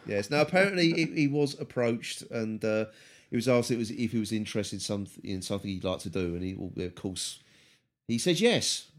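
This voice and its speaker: A man hosting a casual podcast chat, halting with many ums and teasing his co-hosts. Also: fairly low pitch, expressive. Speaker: podcast host.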